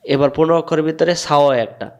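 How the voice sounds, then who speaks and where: A Bangladeshi man with a Bangladeshi Bengali accent teaches Quran recitation in a patient, step-by-step lesson, his voice on the high side with little pitch movement. He repeats each sound slowly several times and poses questions he then answers himself.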